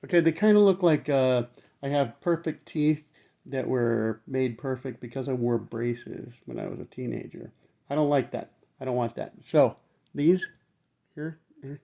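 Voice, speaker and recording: A man's voice: mid-range voice, normal speed, creaky, warm tone. A man talking casually to camera in a blunt, rambling way, swearing freely, his speech numb-mouthed after dental surgery.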